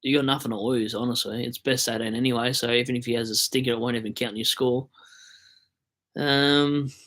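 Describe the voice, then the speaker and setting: Australian male streamer, mid-pitched, loose chatty delivery with the odd swear and mock rant. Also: steady tone, a little fast, fairly bright tone. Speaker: fantasy football livestream host. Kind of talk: casual livestream chat.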